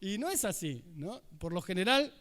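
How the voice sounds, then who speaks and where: A man with an Argentine accent giving an animated, humorous conference talk, acting out quoted dialogue. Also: high-pitched, moderate pace. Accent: Argentine Spanish. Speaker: conference speaker. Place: large university lecture hall. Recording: reverberant hall sound.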